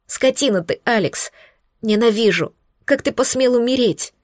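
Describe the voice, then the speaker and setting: A woman's voice: fairly high pitch, normal speed, darkish tone, dry recording, studio quality, lightly acted. A woman voicing an emotional young heroine who speaks in a pleading tone. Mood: sobbing.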